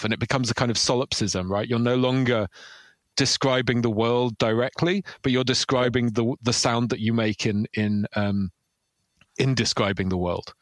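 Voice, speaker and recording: A man's voice: mid-range voice, no room sound. A man talking casually about ideas as an author guest, thoughtful and hesitant with many fillers and restarts. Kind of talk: casual intellectual conversation.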